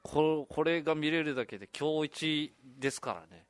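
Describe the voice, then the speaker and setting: A man's voice: fairly high pitch, moderate pace, smooth, no room sound. A man co-hosting a casual radio chat, easygoing, reading listener messages and agreeing often. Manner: easygoing, frequent agreeing backchannels. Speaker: radio show co-host.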